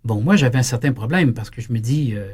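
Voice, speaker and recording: Québécois priest telling a story. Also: male voice, mid-range voice, fast, slightly rough. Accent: Québécois French. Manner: lively storytelling, acting out quoted dialogue. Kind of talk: storytelling sermon.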